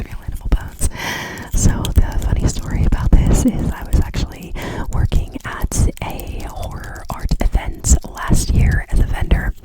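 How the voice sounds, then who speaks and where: A fast, whispered ASMR ramble in a casual, chatty manner, with words and phrases repeated over and over in quick runs. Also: low-quality recording. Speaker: ASMR creator.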